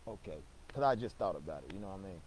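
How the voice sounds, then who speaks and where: A man's voice: low-pitched, expressive, racing, a little mellow, a little hiss or hum, poor audio. A young man telling a casual story, rambling and slangy, with lots of swearing and stammered restarts.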